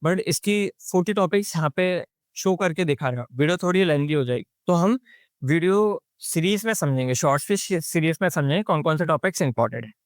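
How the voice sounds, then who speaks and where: A man's voice: fairly high pitch, animated, a little fast, no echo, clean studio sound. A young man coaching exam aspirants in a lecture, talking bluntly and mixing English phrases into his speech. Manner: direct, blunt, mixes English phrases into Hindi.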